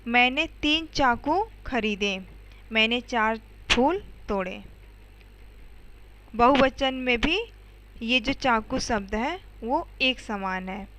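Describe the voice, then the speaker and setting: A woman's voice: a little high, slow pace, background noise. A woman teacher explaining grammar to schoolchildren step by step, often checking in with "okay" and asking the students questions. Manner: addresses students directly with questions.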